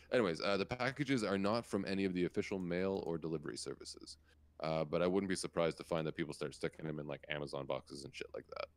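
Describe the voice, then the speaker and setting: A man's voice: low-pitched, fast talker, no room sound. A man co-hosting a casual talk show, chatting loosely and reading news items aloud with stumbles and asides. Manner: casual, laughs, swears, reads news with stumbles. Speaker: podcast co-host.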